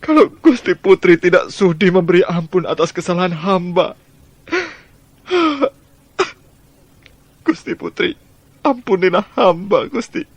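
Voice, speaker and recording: A man's voice: high-pitched, normal speed, vocal fry, no echo, lo-fi sound. An actor playing a fearful old male servant who begs and sobs for mercy in a radio drama. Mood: sobbing pleas. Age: older. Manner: whining, begging, sobbing. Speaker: servant of the minister.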